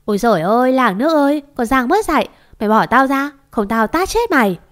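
A woman voicing a bossy, shrill old mother-in-law who scolds and shrieks in an audio story. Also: expressive, brisk, natural voice. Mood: furious.

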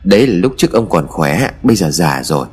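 A man's voice: sits low, big pitch swings, brisk, darkish tone, breathy edge, exaggerated voice. A man voicing a worried, nagging old village wife in an audio story, scolding and fretful in tone.

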